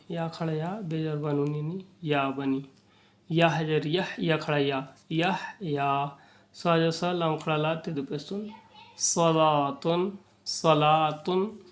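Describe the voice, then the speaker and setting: A man's voice: on the high side, steady tone. A man teaching Quran reading to children, spelling out Arabic letters syllable by syllable and then blending them into whole words. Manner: slow and deliberate, drawing out syllables.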